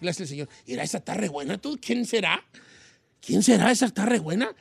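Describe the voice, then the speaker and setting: A man's voice: sits high, animated, quick pace, gravelly, breathy edge, no echo, full character voice. A man voicing a bawdy old rancher who hosts a comedy radio show, teasing and telling stories. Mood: storytelling. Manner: teasing, storytelling with acted quotes. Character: cranky old male Mexican rancher, bawdy. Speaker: radio host.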